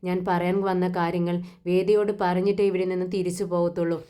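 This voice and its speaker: A woman's voice: fairly low pitch, level tone, brisk, warm tone, clear, resonant tone, natural voice. A woman voicing a grieving older mother-in-law who reproaches her daughter-in-law. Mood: reproachful. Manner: pleading and reproachful.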